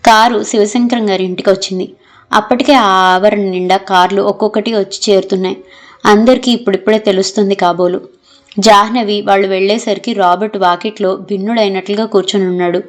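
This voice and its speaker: A woman narrates a novel aloud in steady, measured scripted reading. Her voice sits in a middle pitch range, even and unhurried. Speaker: audiobook narrator.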